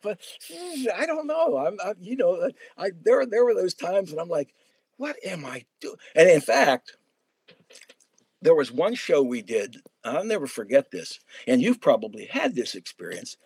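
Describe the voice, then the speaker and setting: A man's voice: high voice, big pitch swings, normal speed, a little mellow, husky, no echo. A man in a casual podcast conversation, telling stories animatedly, laughing often and acting out his own past thoughts. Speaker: former high school theater director, podcast guest.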